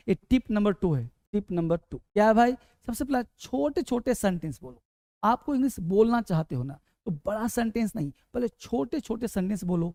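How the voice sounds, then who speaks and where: A man's voice: sits high, dark tone, no room sound, clean studio sound. A man teaching spoken English in a lesson, repeating short phrases and asking questions he answers himself. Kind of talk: classroom-style lesson.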